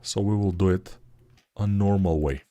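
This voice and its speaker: This is a 3D art instructor, a man with a Bulgarian accent, speaking at normal speed in a low, mellow voice. He teaches 3D modeling live, chatting loosely with viewers and answering their questions amid many fillers and restarts.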